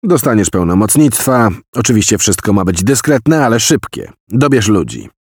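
A man voicing a blustering American general who runs a spy office, raising his voice above his own low register into agitated, declaiming tirades. He rants and commands in a dry, close reading for an audiobook. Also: very animated, moderate pace, darkish tone, slightly rough, no room sound. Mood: commanding.

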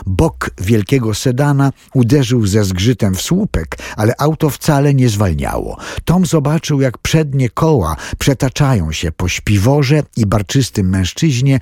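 Man, audiobook narrator, husky, low-pitched, lively intonation, dry close sound. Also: dry recording. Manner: dramatic storytelling with wide swings in pitch. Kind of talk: scripted narration.

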